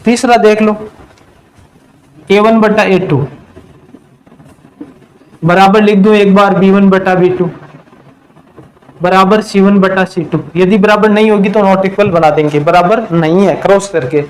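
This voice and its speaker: High-voiced man teaching math, quizzing. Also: fairly even intonation, low-quality recording. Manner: quizzing, asks students questions and answers them himself; slows to a drawn-out pace on key terms. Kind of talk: classroom math lesson.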